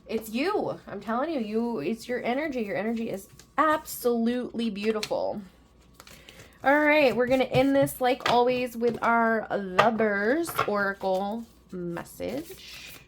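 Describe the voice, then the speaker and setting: A woman's voice: fairly high pitch, expressive, measured pace, slight background noise. Upbeat, tired woman reading tarot. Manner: upbeat, chatty, effusive and enthusiastic. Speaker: tarot reader.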